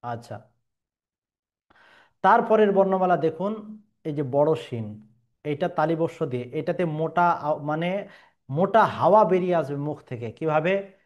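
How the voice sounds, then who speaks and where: A man's voice: a little high, lively intonation, unhurried, long pauses, lo-fi sound. A man teaching Quran pronunciation step by step, patiently repeating each letter sound and stretching the vowels.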